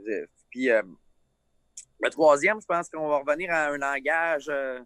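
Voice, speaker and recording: A man with a Lac-Saint-Jean Quebec French accent, a singer chatting outdoors as a guest in a relaxed, rambling way over a remote call. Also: a little high, a little slow, dry recording. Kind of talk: casual chat.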